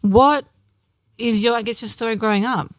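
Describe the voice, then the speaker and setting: A woman's voice: a little high, steady tone, normal speed, no room sound. A woman hosting a talk show, bubbly and playful, sprinkling in Spanish words as she interviews her guest. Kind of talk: casual interview chat.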